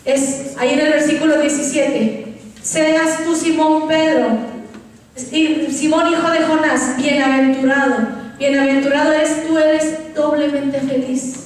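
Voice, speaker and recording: A woman's voice: high voice, fairly even intonation, unhurried. A woman pastor preaching a fervent sermon in a church, often calling her listeners beloved. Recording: echoey church hall from far off.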